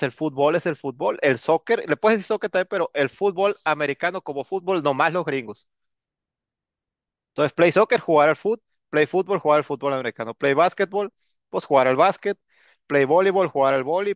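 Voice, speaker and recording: A male English teacher with a Mexican Spanish accent, congested with a cold, giving a relaxed, chatty lesson with self-joking asides. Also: fairly high pitch, dry recording, muffled recording. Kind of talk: casual classroom lesson.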